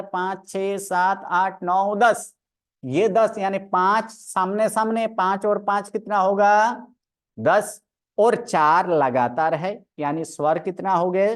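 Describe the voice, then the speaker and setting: A woman teaching a grammar lecture, methodically counting aloud and drilling each sound one by one. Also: medium pitch. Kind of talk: online lecture.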